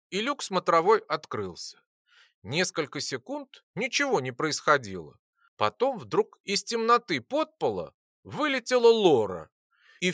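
An audiobook narrator reading a fantasy story in an expressive, animated way. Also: medium pitch, dry recording, studio quality.

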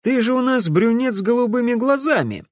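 A man's voice: extremely high pitch, lively intonation, brisk, no echo, studio quality, pitched above the performer's own voice. A man voicing a persuasive young man in an audiobook, earnest and coaxing.

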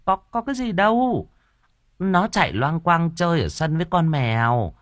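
A man voicing a cruel, shrill middle-aged stepmother who scolds fast and coaxes with fake sweetness. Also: very animated, no room sound, studio quality. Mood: defensive chatter. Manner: rapid nagging, fake sweetness when coaxing.

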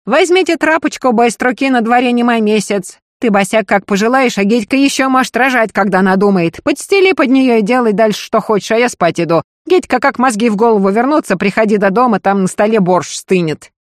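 A man's voice: very high voice, a little fast, hardly any pauses, no room sound, studio quality, voice pushed up. A man reading aloud, voicing a stern, blunt older mother who gives orders. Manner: commanding, blunt. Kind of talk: audiobook reading.

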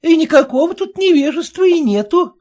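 A woman's voice: very high voice, animated, fairly quick, warm tone, pitched above the performer's own voice. A woman voicing a fawning, chatty middle-aged peddler woman in an audiobook, with a wheedling sing-song manner. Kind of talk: audiobook reading.

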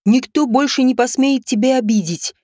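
A woman voicing a jealous, brooding young husband, speaking low and slowly with heavy breathing. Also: dark tone, no room sound, studio quality. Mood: vehement.

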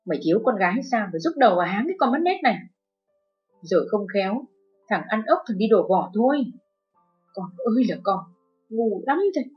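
A woman's voice: medium pitch, expressive, brisk, pauses often, natural voice. A woman voicing an abusive, furious middle-aged mother-in-law who shrieks and wails, in a narrated audio story. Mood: wailing. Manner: screeching, abusive, wailing. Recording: dull lo-fi with faint music.

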